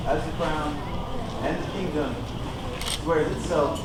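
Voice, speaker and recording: A man's voice: on the high side, steady tone, takes it slowly. A man speaking in a solemn, regal, formal manner as a presiding monarch at a knighting ceremony, using stately ceremonial phrasing. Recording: very echoey, distant, very noisy hall.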